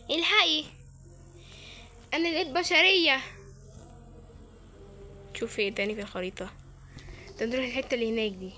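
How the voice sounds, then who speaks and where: A woman's voice: high-pitched, pushed and bright, a little hiss or hum. A woman with an Egyptian Arabic accent giving playful, chatty let's-play commentary and talking to her viewers. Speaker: gamer.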